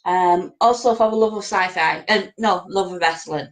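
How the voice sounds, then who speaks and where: A woman's voice: lowish voice, normal speed, rough recording. A woman co-hosting a casual chat, hesitant, with many ums and agreeing yeahs. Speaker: podcast co-host.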